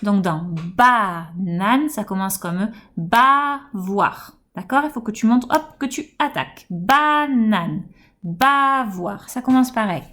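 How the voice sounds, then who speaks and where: This French-accented kindergarten teacher has a fairly high, animated voice as she leads a home-school phonics lesson for small children. She articulates each word slowly and with gentle encouragement.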